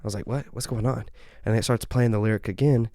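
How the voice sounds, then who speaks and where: A young man hosting a faith podcast shares a personal testimony and encouragement, speaking earnestly and conversationally with frequent "right?" tags and soft laughs. His lowish voice is steady and fast, recorded with studio quality and no room sound.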